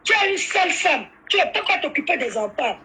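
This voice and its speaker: A woman's voice: very high voice, big pitch swings, a little fast, pushed and bright, a little hiss or hum. A woman, defiantly insulting and repeating herself in a heated live-stream argument.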